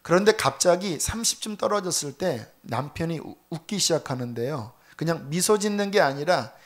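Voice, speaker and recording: A male pastor preaching a Sunday sermon, telling a story vividly with dramatic swings in loudness. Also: on the high side, lively intonation, moderate pace. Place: church sanctuary.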